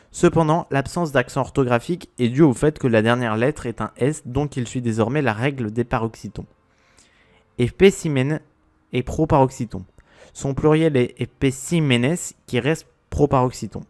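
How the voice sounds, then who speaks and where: A man's voice: medium pitch, a little mellow. A man giving a scripted, methodical grammar lesson, laying out rules step by step. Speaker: Spanish grammar teacher. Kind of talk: scripted explainer narration.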